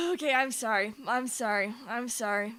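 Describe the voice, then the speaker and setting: A woman streamer telling an animated story between game lines, laughing often, swearing freely and talking back to her chat. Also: a little high, measured pace. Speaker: streamer playing a visual novel.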